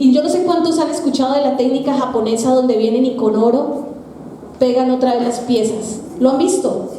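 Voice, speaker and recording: A woman's voice: high voice, dark tone, slight background noise. A middle-aged woman pastor preaching a conversational sermon in church, asking the congregation questions as she goes. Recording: echoey church hall with long reverb.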